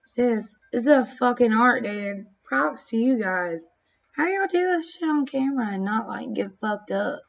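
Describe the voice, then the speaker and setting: High-pitched woman, casual swearing vlogger, muffled home-camera sound. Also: expressive, normal speed, creaky. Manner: profane, rambling, self-conscious on camera. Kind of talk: casual storytelling vlog.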